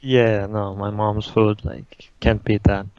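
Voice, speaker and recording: This guest is a young Brazilian esports player who grew up speaking Portuguese; he answers interview questions casually, peppering them with "like." His voice is on the low side, level, slow, a little mellow, clear and resonant, with no room sound, yet the audio comes across dull and lo-fi.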